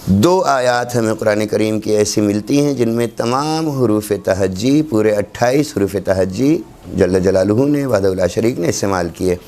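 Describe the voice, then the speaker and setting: A man's voice: on the low side, warm tone. A man teaching a class on Quran recitation rules, explaining step by step and repeating examples. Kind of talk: classroom lecture.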